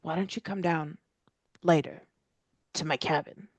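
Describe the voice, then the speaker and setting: A woman voicing a flustered, pleading old man in a tabletop game, speaking haltingly and confidingly. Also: low voice, steady tone, dry recording. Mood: quietly coaxing. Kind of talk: tabletop role-play.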